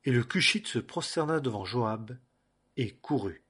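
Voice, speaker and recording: A man reading a Bible passage aloud in a measured, solemn way, phrase by phrase. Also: medium pitch, lively intonation, fairly bright tone, husky. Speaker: scripture reader.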